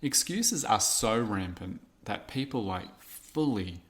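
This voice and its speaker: Male co-host, young, somewhat low voice, animated storyteller who likes doing other people's voices. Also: slow. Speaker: podcast co-host; teacher. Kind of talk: casual chat.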